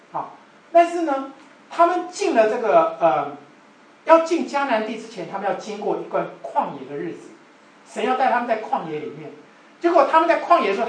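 Woman preacher, sermon, rhetorical questions, lively melody, distant from the mic. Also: medium pitch. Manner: animated, asks the audience rhetorical questions. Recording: echoey room, voice from far off.

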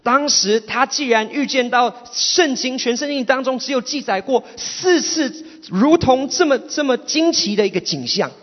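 Male sermon interpreter, Malaysian accent, high voice, halting phrases, muffled hall sound. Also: animated. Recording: muffled, long hall reverb.

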